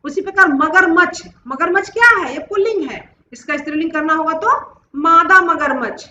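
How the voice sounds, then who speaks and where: A woman's voice: very high-pitched, moderate pace, sharp tone, roomy sound, dull audio, a little hiss or hum. A woman teaching a grammar lesson, explaining step by step and asking herself questions before answering them. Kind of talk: classroom-style grammar lesson.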